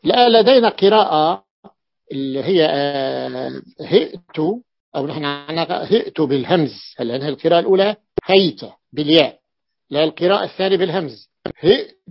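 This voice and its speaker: Gravelly man explaining grammar. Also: a little high, brisk. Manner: explains step by step, repeats key phrases. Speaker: sheikh teaching Arabic grammar. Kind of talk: classroom grammar lesson. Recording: dull, dry lo-fi recording.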